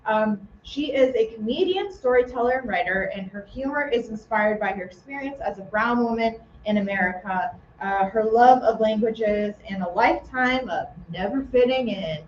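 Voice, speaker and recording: A woman's voice: on the high side, moderate pace, a little hiss or hum. A woman emceeing a live arts festival from a theater stage, chatty and upbeat with self-joking asides, speaking into a stage microphone. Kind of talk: live event announcements. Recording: echoey, muffled live room sound.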